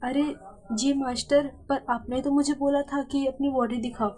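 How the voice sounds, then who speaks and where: A woman's voice: sits high, level tone, normal speed, mellow, lightly acted. A woman voicing a hot-tempered young woman warrior in a recap of a comic, in a snappy, scolding way. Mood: eager.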